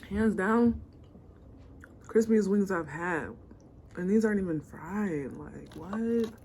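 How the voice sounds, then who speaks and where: A woman's voice: medium pitch, slow, dark tone, slight background noise. A woman hosting a mukbang eating show, chatting casually and murmuring with enjoyment between bites. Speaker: mukbang host.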